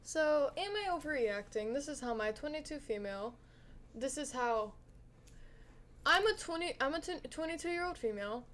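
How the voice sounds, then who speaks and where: Young female podcast co-host, slightly high voice, giggly, reads texts and emojis aloud in easy chat. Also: expressive, moderate pace, fairly bright tone. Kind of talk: casual podcast chat, reading posts aloud.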